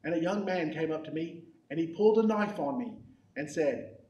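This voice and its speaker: A man playing a goofy, bumbling croc-hunting adventurer for a kids' comedy skit, rambling with deadpan jokes. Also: fairly high pitch, moderate pace, highs cut off, close to an everyday voice. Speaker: children's ministry skit character. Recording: echoey hall from far off.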